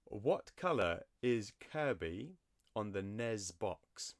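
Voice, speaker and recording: A man's voice: lowish voice, lively intonation, slow, no room sound, studio quality. A man hosting a casual podcast quiz, playful and teasing, often giggling. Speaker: quiz host.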